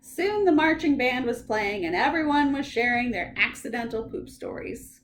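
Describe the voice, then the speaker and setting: A woman librarian reading bedtime stories aloud with expressive, animated storytelling. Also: fairly high pitch, moderate pace, slight background noise.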